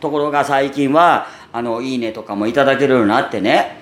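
A man with a gravelly voice and a Kansai Japanese accent, chatting casually and unaffectedly to listeners as a radio host. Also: medium pitch, steady tone, brisk. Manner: natural unaffected delivery, chatty, with frequent sentence-final "ne". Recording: roomy echo, faint background noise.

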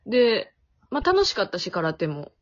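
A woman's voice: mid-range voice, big pitch swings, normal speed. A young woman with a Kansai accent chatting on a podcast from her family home over a remote call, easygoing and self-deprecating. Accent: Kansai Japanese. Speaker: podcast co-host. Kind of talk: casual chat. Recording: dull lo-fi audio.

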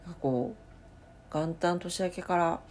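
A woman hosting her own late-night talk show from home, rambling and thinking aloud with many pauses. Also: lowish voice, a little mellow, slight background noise. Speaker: podcast host. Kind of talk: casual late-night solo chat.

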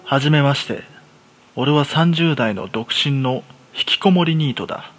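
Faint music plays behind a man voicing a self-deprecating, jittery shut-in in his thirties, who tells a first-person horror story in a radio drama. His mid-range, fairly bright voice goes at normal speed in rough slang, lightly acted, wry and weary.

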